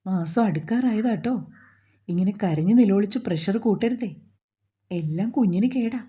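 A fretful, loving mother, voiced by a woman storyteller soothes and pleads in a mellow, breathy voice. The recording sounds dull and lo-fi. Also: mid-range voice, normal speed, lightly acted. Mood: soothing, worried. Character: anxious, loving middle-aged mother comforting her daughter.

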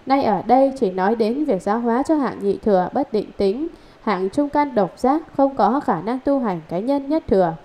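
A woman giving an even, measured scripted reading of a Buddhist scripture commentary. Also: fairly high pitch. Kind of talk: scripted reading of a religious text.

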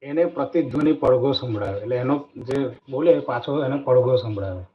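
A man's voice: mid-range voice, normal speed. A man giving a spiritual motivational talk in an earnest way, telling a story and repeating key phrases. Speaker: motivational speaker. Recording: dull lo-fi recording with faint noise.

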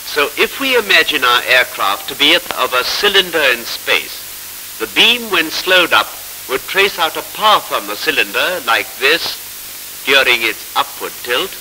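Narrating a 1940s instructional film, a man uses a formal, measured, explanatory manner at medium pitch. His voice is pushed and bright with a sing-song lilt, and the old film soundtrack is scratchy.

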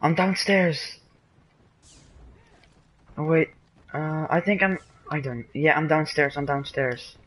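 A man's voice: a little high, steady tone, slow, pauses often, fairly bright tone, breathy edge. A man giving casual commentary while playing a game on a livestream, often exclaiming as he reacts. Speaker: streamer.

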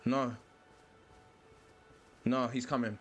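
A man's voice: mid-range voice, steady tone, drawn-out words, fairly bright tone, faint music behind. Chatty London man streaming a game. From London, England. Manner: chatty, rambling, uses London slang. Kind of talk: casual gaming live-stream chat.

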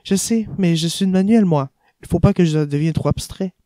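A man voicing a playful young woman who teases her lover, in a warm, raised voice. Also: sits high, fairly quick, no room sound, studio quality, pitched above the performer's own voice, close to an everyday voice. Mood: teasing.

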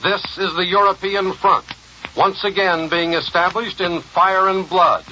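A man's voice: sits high, fairly even intonation, measured pace, sharp tone, slight background noise. A man reading urgent war bulletins as a radio news announcer in a newsroom studio, with an old 1940s radio broadcast sound and a formal delivery. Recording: dull lo-fi 1940s radio archive.

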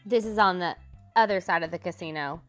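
A woman's voice: on the low side, a little fast, a bit bright, soft background music. A woman giving chatty, appreciative travel vlog narration in a casual style. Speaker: travel vlogger.

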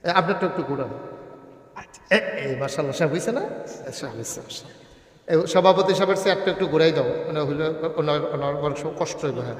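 A male preacher at a crowded open-air gathering swings between playful asides and a lilting chanted delivery, calling on the audience to answer him. His voice sits slightly high and bounces off a long, echoing reverb. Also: a little fast. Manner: joking asides, sing-song chanting, leads crowd call-and-response. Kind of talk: humorous sermon with chanted passages. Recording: echoey hall with long reverb.

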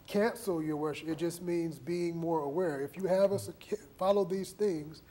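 A man in his thirties hosts a studio interview, speaking into a lapel mic. His voice sits a little high, and he talks in a conversational way, echoing and summarizing what his guests say. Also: moderate pace, mellow. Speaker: TV talk show host. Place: TV studio set.

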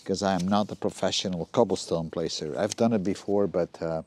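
A man's voice: deep voice, steady tone, a little fast, very noisy. Practical man explaining his yard work. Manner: plain, practical, explains as he works with frequent ums and uhs. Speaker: DIY renovation vlogger. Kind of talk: casual step-by-step narration. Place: outdoors in a garden yard.

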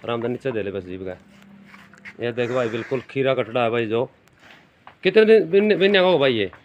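This Haryanvi-accented livestock presenter and interviewer speaks a little fast in a medium-pitched, expressive voice. Out in an open farmyard ringed by brick walls, he comments informally and emphatically, asks a farmer questions and repeats things for his viewers, captured in dull phone audio with faint noise.

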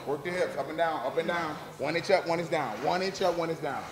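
A man's voice: fairly high pitch, fast, noisy background. An American man working as a strength coach, giving blunt, slangy commands during a workout. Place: large indoor gym. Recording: gym with busy background sound.

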